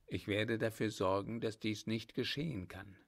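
A man's voice: fairly low pitch, moderate pace, vocal fry. A man voicing a brave, ardent young male lieutenant with a firm, earnest manner. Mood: resolute.

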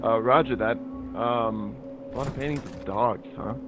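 A man's voice: medium pitch, normal speed. A man hosting a co-op game playthrough, talking casually over a muffled walkie-talkie and signing off his turns with "over". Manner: relaxed, ends turns with "over". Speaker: host, co-op game player. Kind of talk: casual gameplay chat in radio talk. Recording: dull lo-fi sound with loud music.

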